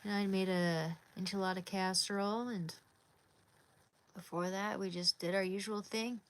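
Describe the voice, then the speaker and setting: A woman from Oregon, USA, hosts a casual livestream, chatting comfortably and responding to viewer comments by name. Her medium-pitched voice is a bit bright, with fairly even intonation and a moderate pace.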